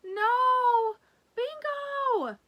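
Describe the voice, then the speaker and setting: Woman voicing high-pitched, excitable Ladybug Girl. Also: extremely slow, exaggerated voice. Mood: alarmed, distressed. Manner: exclamatory, breathless, earnest. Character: excitable, dramatic little girl adventurer in a storybook.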